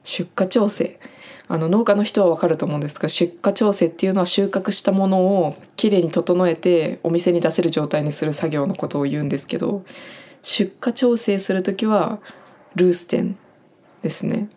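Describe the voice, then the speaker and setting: Chatty woman with a low voice. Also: moderate pace, darkish tone. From Japan. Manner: chatty, friendly explaining with many fillers. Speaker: farm worker teaching German words. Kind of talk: casual spoken lesson.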